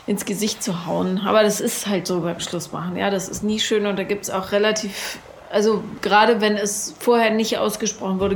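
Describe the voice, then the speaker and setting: Woman giving advice, calm and direct, mid voice, bit of faint noise behind. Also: mid-range voice. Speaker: advice host. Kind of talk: advice talk.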